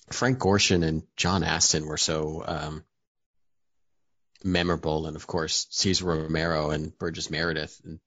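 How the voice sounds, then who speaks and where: A man with a low, slightly bright voice co-hosts a podcast in casual chat, rambling hesitantly with lots of fillers. The sound is lo-fi with no echo.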